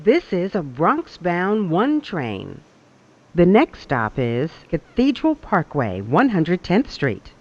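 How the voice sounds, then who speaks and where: A recorded subway announcer heard over a train loudspeaker, speaking in measured, evenly spaced phrases. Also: mid-range voice, wildly swooping pitch, muffled recording. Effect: played over a train loudspeaker.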